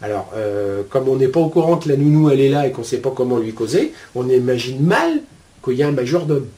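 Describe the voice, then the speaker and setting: A man teaching spiritual ideas to his viewers in a casual, colloquial way, with a steady stream of "hein" and "euh". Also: medium pitch, a little fast. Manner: chatty, explains with homely metaphors.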